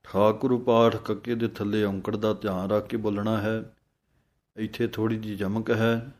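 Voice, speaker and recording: A man teaching the correct pronunciation of a Sikh hymn, chanting each line slowly and then explaining it word by word. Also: lowish voice, flat delivery, a little mellow. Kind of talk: slow recitation lesson with pronunciation notes.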